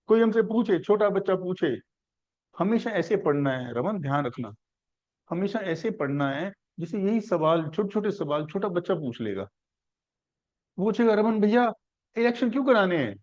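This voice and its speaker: A man's voice: high voice, expressive, moderate pace, a little mellow, highs cut off. A man teaching a civics class, asking questions and building the answer step by step through simple examples. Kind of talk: classroom lecture.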